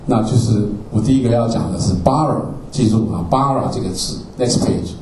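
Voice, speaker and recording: A man's voice: lowish voice, brisk, mellow, slight background noise. A man teaching a Bible class from slides, explaining word by word, repeating himself and often checking in with "okay?". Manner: repetitive, explanatory, ends phrases with "ah" and asks "okay?". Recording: roomy, distant mic with faint ambience.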